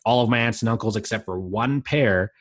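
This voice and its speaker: Guy in his late 20s rambling on a podcast, kinda low voice, dry close mic, lots of "like". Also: fairly quick, dry recording. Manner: rambling, lots of "like" fillers, laughs easily. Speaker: podcast co-host. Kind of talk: casual chat.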